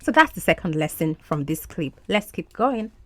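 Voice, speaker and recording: Woman English teacher, lowish voice with lively pitch, dry close sound, explains patiently. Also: no room sound. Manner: explains slowly, often asks "okay?". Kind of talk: podcast English lesson.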